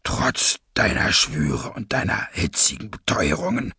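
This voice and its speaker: A man puts on a masked villain who rules his gang with quiet menace. The voice sits low and hushed, slipping toward a whisper, slow and deliberate, with a husky edge. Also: lively intonation, no echo, studio quality, full character voice. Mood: coldly menacing. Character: cold masked male villain leader. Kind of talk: audiobook character voice.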